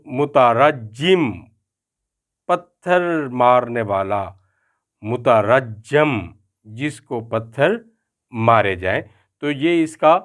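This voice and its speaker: Older man teaching slow, careful pronunciation. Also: medium pitch. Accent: Pakistani Urdu. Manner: careful, slows to spell out each word. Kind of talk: spoken lesson.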